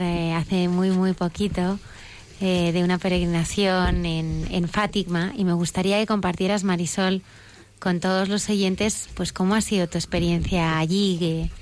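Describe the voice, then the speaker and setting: A woman hosting a radio interview, asking gentle, guiding questions. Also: fairly low pitch. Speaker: radio host.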